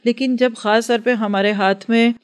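A woman's voice: on the high side, steady tone, normal speed. A woman giving an earnest religious lecture to a class, advising and acting out everyday dialogues. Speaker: religious teacher.

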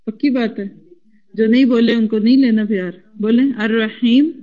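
A woman teaching a classroom lesson, spelling out root letters slowly and coaxing the class to repeat after her. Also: a little high, steady tone, dull audio. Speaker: Quran Arabic teacher.

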